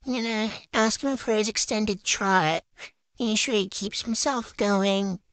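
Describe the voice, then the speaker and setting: A young woman, a gaming vlogger, gives relaxed play-by-play commentary, narrating each move in short, chatty phrases. Her medium-pitched voice is unhurried and recorded close and dry, with very little room sound.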